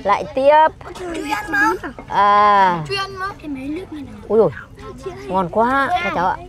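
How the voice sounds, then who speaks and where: A woman's voice: mid-range voice, lively intonation, slow pace, lo-fi sound. An older woman cooking and serving food, talking in a chatty, coaxing way with lots of exclamations. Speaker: cooking vlogger. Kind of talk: cooking demonstration while serving guests. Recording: noisy crowd around her.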